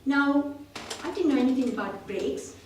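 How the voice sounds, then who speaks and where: A Sri Lankan woman delivers a prepared club speech in a meeting room, telling her story earnestly and with self-deprecating humor. Her high-pitched voice has lively intonation and a moderate pace, picked up by a distant mic in a roomy hall with slight background noise.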